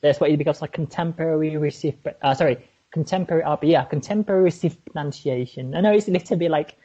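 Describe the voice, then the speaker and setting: A woman's voice: low-pitched, fast, warm tone, husky. A woman with a contemporary RP-style British accent, co-hosting a casual chat and telling stories in a rambling way, full of "like"s. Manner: rambling, filler-heavy storytelling with many "like"s. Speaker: podcast co-host. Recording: dull lo-fi audio.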